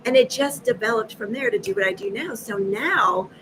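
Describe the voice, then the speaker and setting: Animated woman in her fifties telling stories. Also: on the high side, moderate pace, background noise. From Massachusetts, USA. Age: 50s. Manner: lively, acts out quoted dialogue, laughs often. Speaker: guest, energy healer. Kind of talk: animated storytelling in a live chat.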